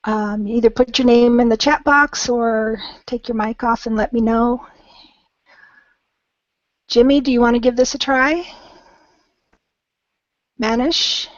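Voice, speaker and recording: A woman's voice: a little high, fairly even intonation, measured pace, long pauses, no echo, muffled recording. Patient woman teaching English online. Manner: patient, encouraging, many ums. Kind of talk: live online English lesson.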